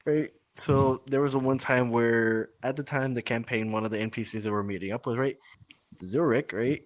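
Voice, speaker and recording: A man's voice: mid-range voice, steady tone, normal speed, no room sound, rough recording. Guy rambling thru game stories, keeps saying right?, cusses, dry close sound. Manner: rambling, fillers like "right?", swears. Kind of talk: casual storytelling.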